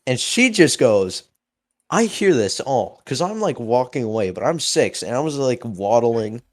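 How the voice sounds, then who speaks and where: A young adult man telling a story in a casual podcast chat, animated and acting out the people in it. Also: medium pitch, unhurried. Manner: animated, acts out voices in anecdotes. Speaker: podcast co-host.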